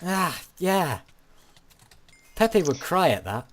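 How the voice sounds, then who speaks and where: A woman's voice: fairly low pitch, very animated, takes it slowly. A woman, chatting through a game as the host, with dry jokes and stammered restarts. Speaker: channel host playing a minecraft minigame. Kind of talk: casual gaming commentary.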